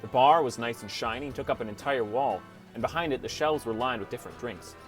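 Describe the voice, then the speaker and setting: With music in the background, a fast-talking man with a natural, mid-range voice plays a downcast teenage boy. He narrates the boy's gaming adventure in first person, in a wry, understated, reflective audiobook way.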